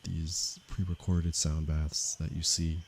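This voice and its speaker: Very deep, slow-talking gravelly man. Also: flat delivery, slight background noise. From Canada. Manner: slow, soft-spoken and unhurried, with pauses. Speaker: meditation teacher. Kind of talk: calm livestream talk to viewers. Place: livestream.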